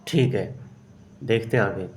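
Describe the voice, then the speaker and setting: A man's voice: lowish voice, a little mellow, slight background noise. A man teaching exam-prep grammar, working through each question aloud and answering his own questions. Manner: explains step by step, asks and answers himself; slow and unhurried, often says "okay". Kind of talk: solving a grammar test aloud.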